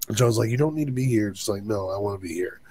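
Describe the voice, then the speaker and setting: A man's voice: lowish voice, fast talker, mellow. A man co-hosting a casual TV recap, retelling scenes by acting out the characters' lines and laughing often. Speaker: podcast co-host.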